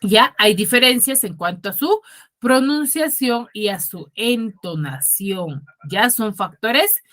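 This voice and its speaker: Woman, Huaraz Peruvian accent, fairly high voice, online teacher, video-call audio, frequent tag questions. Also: animated, slow pace, fairly bright tone. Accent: Peruvian Spanish from Huaraz. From Peru. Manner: checks in constantly with tag questions; questions students by name. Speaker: secondary school teacher. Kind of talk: online class lecture.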